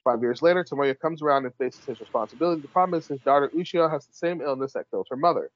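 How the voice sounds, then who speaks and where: A man's voice: mid-range voice, rapid-fire. A man co-hosting a casual podcast, reading out list entries and talking bluntly, with a wry edge and casual swearing. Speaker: podcast co-host. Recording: dry, dull lo-fi sound.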